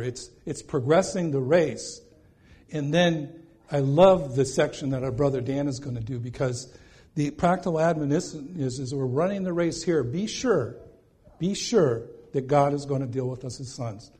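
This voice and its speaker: A man's voice: fairly high pitch, moderate pace, warm tone, breathy edge. A man preaching a sermon in a folksy, rambling way, often checking in with "okay?".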